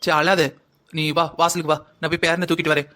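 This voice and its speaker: Guy voicing a stern mother in a cartoon, pitched way up, keeps lecturing her daughter. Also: little pitch movement, a little fast, bright, forceful tone. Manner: lecturing, scolding, rhetorical questions. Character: stern middle-aged mother, scolding, proud of her son. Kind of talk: cartoon story voice acting.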